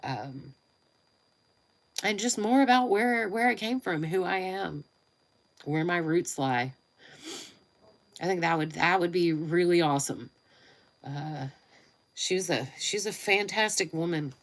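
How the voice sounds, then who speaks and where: A woman's voice: fairly low pitch, slow pace, pauses often. A woman with a nasal, congested voice, chatting informally and in a rambling way as she hosts a casual live stream. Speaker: live streamer and YouTube creator.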